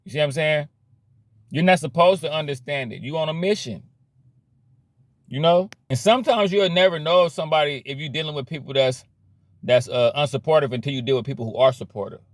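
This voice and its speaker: A man's voice: on the high side, fairly quick, dry recording. A man giving a blunt, slangy motivational rant about cutting problem people out of your life, repeating himself as he preaches. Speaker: motivational vlogger.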